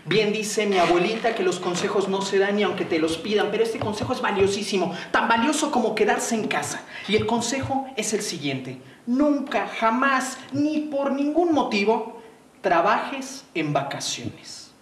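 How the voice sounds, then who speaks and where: A man from Mexico's southern coast with a Mexican accent, telling a story to young people with playful, dramatic pitch swings and slowdowns. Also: lively intonation. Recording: roomy, distant mic, faint noise.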